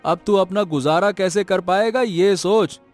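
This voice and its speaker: A man voicing a greedy, stubborn elder son in an animated story, talking brusquely and waving others off. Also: sits high, measured pace, soft background music. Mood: scornful. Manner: brusque, dismissive, repeats "no, no".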